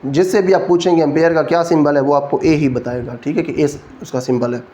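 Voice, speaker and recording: A man's voice: on the high side, steady tone, quick pace, mellow. A man with a Pakistani Urdu accent giving a physics lecture, explaining each rule step by step and checking in with his students. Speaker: physics teacher. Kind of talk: classroom lecture.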